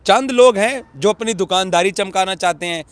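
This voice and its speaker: A man's voice: sits high, normal speed, dry recording. A man from Pakistan giving emphatic live cricket commentary at a cricket ground. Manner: emphatic, repeats for stress.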